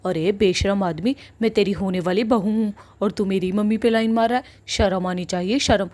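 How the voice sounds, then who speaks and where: A woman's voice: medium pitch, fairly even intonation, moderate pace, darkish tone, natural voice. A woman voicing a fiery, defiant young witch bride in a cartoon story, hurling insults and threats.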